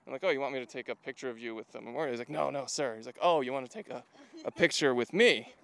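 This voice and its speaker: Racing along in a gravelly, fairly bright voice of medium pitch, a Hungarian man chats as a podcast guest on a walk to an outdoor lookout. His rambling tales are peppered with fillers, especially "like."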